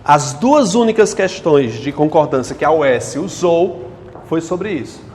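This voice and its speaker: A man's voice: fairly high pitch, expressive, unhurried, darkish tone, big-room sound, a little hiss or hum. A male teacher lectures a class on grammar, quizzing the students with questions as he goes.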